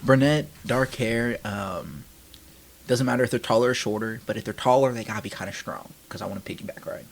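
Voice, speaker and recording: A man's voice: lowish voice, fairly quick, gravelly. Joking man in easygoing podcast banter. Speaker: podcast co-host. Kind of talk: casual chat.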